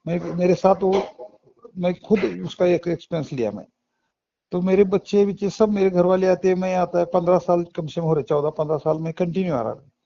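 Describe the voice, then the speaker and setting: High-voiced earnest man, dull lo-fi sound. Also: steady tone, fairly quick, vocal fry, dark tone. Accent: Marathi-influenced Hindi. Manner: earnest, emotional storytelling with frequent restarts. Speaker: devotee sharing a testimony. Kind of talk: personal spiritual testimony. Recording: dull lo-fi recording.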